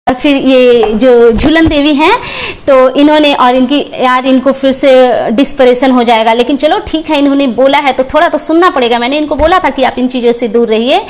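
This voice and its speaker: High-voiced woman roasting other creators. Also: normal speed. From Bihar, India. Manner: confrontational, mocking, scolding. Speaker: reaction channel creator. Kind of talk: roast reaction commentary.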